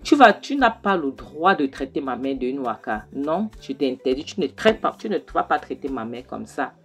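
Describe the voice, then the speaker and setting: An indignant young daughter, as a woman narrator reads her part in a retold film story, low-voiced and pressing her point again and again. Her tone is firm and stubborn. A soft bed of music sits behind her. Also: big pitch swings, moderate pace, breathy edge, heavily acted. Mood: defiant. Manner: indignant, repeating herself. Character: angry young daughter defending her mother.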